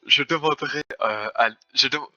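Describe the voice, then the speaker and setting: A man's voice: medium pitch, moderate pace, pushed and bright. A man playing a social deduction game, making a theatrical, formal accusation speech with stumbling restarts. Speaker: werewolf game player. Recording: dry, dull lo-fi voice chat.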